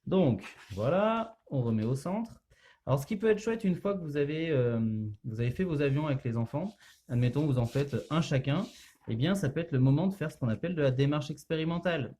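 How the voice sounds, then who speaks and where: Chatty French man, slightly high voice. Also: fast talker. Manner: relaxed, chatty, many hesitations. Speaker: youth center activity leader. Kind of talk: casual tutorial demonstration.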